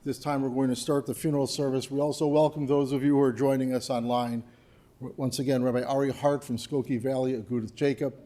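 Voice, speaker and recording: A man with a soft-edged, mellow voice opens a funeral service with formal announcements. His delivery is polite, measured and very level, with little rise or fall. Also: medium pitch, flat delivery.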